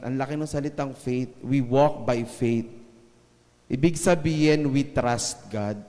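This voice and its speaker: A man giving a casual, joking sermon in mixed Filipino and English. He slows down and stresses the scripture lines. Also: medium pitch, darkish tone, long reverb tail. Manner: joking asides with laughs, then slow emphatic scripture lines. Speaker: preacher.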